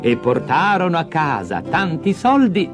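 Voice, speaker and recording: A man reading a fairy tale aloud in a lively, expressive storytelling manner. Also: fairly high pitch, a little slow, music in the background.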